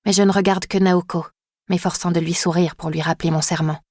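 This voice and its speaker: Low-voiced woman reading a dark novel. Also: steady tone, a little fast, dry recording, clean studio sound. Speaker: audiobook narrator. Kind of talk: first-person scripted narration.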